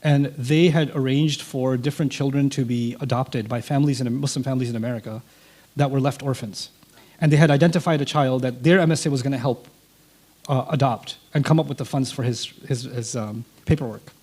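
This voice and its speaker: Speaking at a fairly quick clip in a medium-pitched voice, this interview guest is a man whose native language is Urdu. He recounts a personal story with animation, performing the quoted lines of dialogue.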